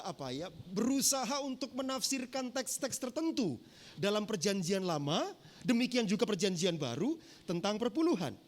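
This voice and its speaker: A male pastor, preaching a teaching sermon in a church in a measured way, pausing often with fillers. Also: extremely high pitch. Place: church sanctuary.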